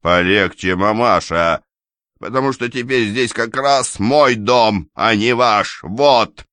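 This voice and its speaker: A man's voice: lowish voice, takes it slowly, pushed and bright, no room sound, voice pushed up. A man voicing an insolent, sneering young nobleman who mocks his in-laws. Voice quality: brash, mocking.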